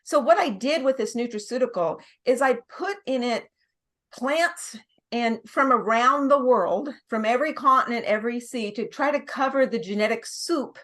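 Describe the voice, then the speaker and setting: A middle-aged nurse practitioner from the United States appears as a guest in a casual conversation, explaining things at length with frequent restarts and small laughs. Her voice is fairly high and a bit bright, at a moderate pace.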